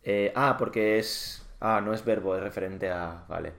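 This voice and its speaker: A man as a student in a casual language lesson, answering hesitantly and trying phrases out loud with halting restarts. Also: fairly low pitch, gravelly.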